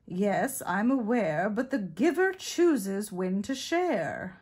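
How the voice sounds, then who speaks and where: A woman voicing a kindly female sea-creature schoolteacher who explains gently. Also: medium pitch, big pitch swings, slow, slightly rough, exaggerated voice.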